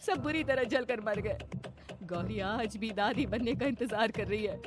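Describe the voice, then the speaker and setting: A woman's voice: fairly high pitch, unhurried, music in the background, voice pushed up, close to an everyday voice. A woman voicing an older mother-in-law, worried and grave, speaking with dramatic emphasis in a horror story. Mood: grave warning.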